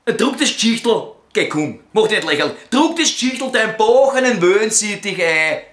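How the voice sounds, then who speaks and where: A man's voice: sits high, big pitch swings, normal speed, a bit bright, echoey room. A man with a Viennese accent acting out a one-sided comic phone call, crude and foul-mouthed, swinging between outbursts and sweet talk. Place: living room.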